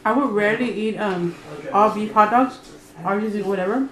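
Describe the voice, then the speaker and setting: A woman's voice: medium pitch, moderate pace, crowd noise. Chatty woman eating on camera, roomy sound. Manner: chatty, joking, talks while eating. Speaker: vlog host. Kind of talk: casual eating-show chat.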